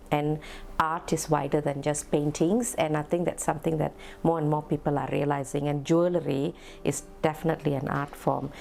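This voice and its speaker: A woman's voice: deep voice, gravelly, a little mellow, slight background noise. A woman hosting an interview, encouraging and chatty, often answering with short affirmations. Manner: encouraging, many short backchannel replies. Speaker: interviewer, travel show host. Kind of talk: casual interview.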